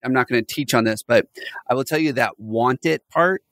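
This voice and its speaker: A man hosting a conversational interview as a business coach, telling stories with animated delivery and frequent laughter. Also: mid-range voice, brisk, dry recording, studio quality.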